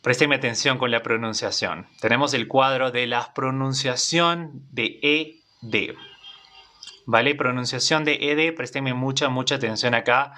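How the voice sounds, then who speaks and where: A man's voice: medium pitch, a little slow, sharp tone. A man teaching an English class in Spanish, patient and repetitive, often checking in with his students. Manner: patient, repeats phrases, checks in with "¿vale?".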